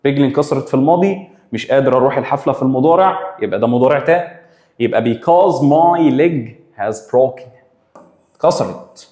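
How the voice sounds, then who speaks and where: A man's voice: mid-range voice, echoey room. A man with an Egyptian Arabic accent, teaching an English grammar revision lesson and repeating each rule as he drills it. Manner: lively, drills rules by repetition, mixing Arabic and English.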